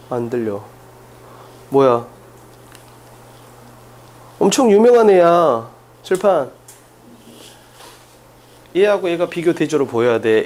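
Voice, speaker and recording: A man teaching an exam-prep English class, firing quick questions at students and stressing key points. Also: a little high, a little mellow. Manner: drills students with rapid questions, emphatic.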